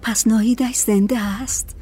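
A woman narrating a story in a calm, measured audiobook reading. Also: a little high, soft background music.

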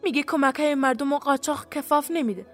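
A woman's voice: high voice, faint music behind, close to an everyday voice. An actress playing a bitter, grieving woman prison guard who talks harshly and with strong feeling in a radio drama. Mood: pleading.

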